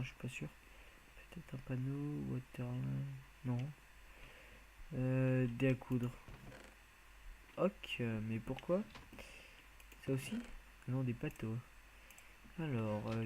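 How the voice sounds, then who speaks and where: A man's voice: mid-range voice, takes it slowly, pauses often, dark tone, slight background noise, rough recording. A man giving casual, rambling commentary as he plays a video game, hesitant and full of filler sounds. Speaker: video game let's player.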